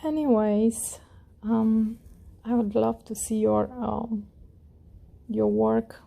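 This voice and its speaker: A woman hosting a crochet tutorial, talking in a calm, low, relaxed voice that slips into soft whispers. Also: slow pace, creaky.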